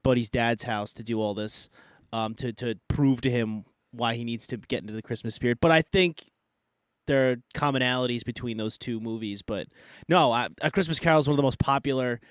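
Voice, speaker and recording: Speaking briskly in a clean, mid-range voice with no echo, a man co-hosts a live podcast while nasal from a cold. His casual debate talk rambles, packed with fillers and false starts.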